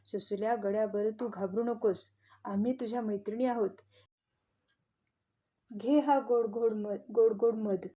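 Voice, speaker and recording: A woman's voice: on the high side, fairly even intonation, measured pace, long pauses, warm tone, natural voice. A woman voicing a kindly swarm of female bees in a children's audio story, sweet and coaxing.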